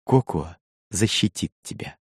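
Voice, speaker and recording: A man's voice: on the low side, lively intonation, unhurried, a bit bright, slightly rough, dry recording, clean studio sound, heavily acted. A man voicing a loving, resolute young island woman who speaks earnestly and pleads with feeling. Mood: determined.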